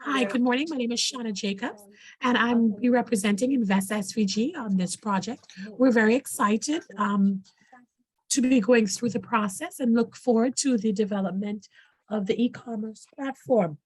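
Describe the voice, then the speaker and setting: A hoarse woman with a higher, husky voice introduces herself on a video call. Her delivery is polite and upbeat, and the sound is dry and close. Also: moderate pace, darkish tone, no echo, poor audio. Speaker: organisation representative.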